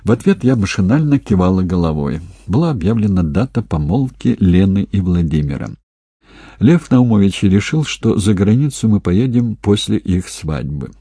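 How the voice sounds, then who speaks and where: Deep husky male narrator. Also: very animated, normal speed, mellow, no echo, clean studio sound. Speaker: audiobook narrator. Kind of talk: scripted narration.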